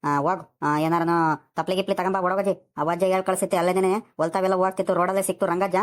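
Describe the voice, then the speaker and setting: A woman voicing a rushed, easygoing male fish seller in an animated village comedy. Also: on the low side, lightly acted. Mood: hurried. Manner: rushed, pleading, fast-talking.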